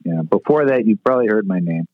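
A man's voice: lowish voice, animated, fast, no echo. A man in his sixties, a retired stage manager, telling stories in a brash, profane way. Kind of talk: casual storytelling interview. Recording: tinny phone-like line, dry.

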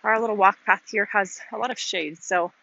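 Walking along a shaded outdoor path, an author and podcast host talks casually for her vlog, rambling with fillers and musing questions and sounding a bit out of breath. Her medium-pitched voice is fairly quick, creaky, pushed and bright, and the recording is muffled.

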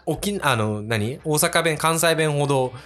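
A man co-hosting a casual podcast, animated and teasing as he chats. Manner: animated, teasing, quick jumps in pitch. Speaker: co-host, regular guest. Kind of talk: casual chat.

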